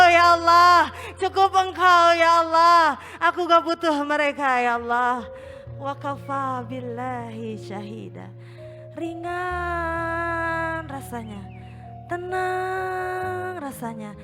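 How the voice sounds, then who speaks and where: A high-pitched woman, a religious teacher, leads an emotional guided prayer. She pleads and swells loud, then drops to a hushed, slow coaxing.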